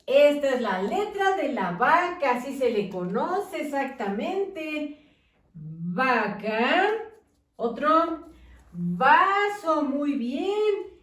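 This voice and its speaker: A high, lively woman's voice that stretches every syllable very slowly. She is teaching children phonics, repeating syllables in a sing-song way and praising often. She sounds a bit away from the mic in an echoey room. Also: far from the mic.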